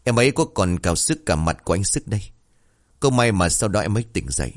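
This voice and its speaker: Calm, courteous young cop, practical and even, read by a male narrator. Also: lowish voice, quick pace, close to an everyday voice. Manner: polite, reasonable.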